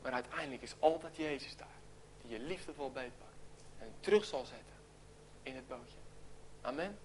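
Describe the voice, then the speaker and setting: A man preaching a sermon, telling a story with great animation and acting out its voices, sometimes dropping to a hush. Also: mid-range voice, moderate pace, slight background noise. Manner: animated storytelling, acts out voices, drops to near whisper.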